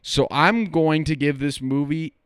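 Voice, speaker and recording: A man's voice: on the high side, measured pace, clean tone, dry recording, studio quality. A man who is getting drunker as he gives casual, joking film reviews, rambling and stumbling over his words. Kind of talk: casual comic film tier-list commentary.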